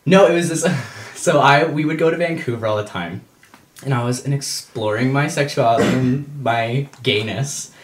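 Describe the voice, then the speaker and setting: A man's voice: medium pitch, normal speed. A young man in his early twenties, a musician guest chatting casually in a rambling way full of fillers. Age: young adult. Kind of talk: casual chat. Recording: echoey room.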